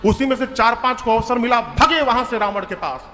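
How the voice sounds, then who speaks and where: A man telling a devotional story as a sermon, lively and humorous, chanting verses now and then. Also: extremely high pitch, a little fast. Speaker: storyteller preacher. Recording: reverberant hall with faint music.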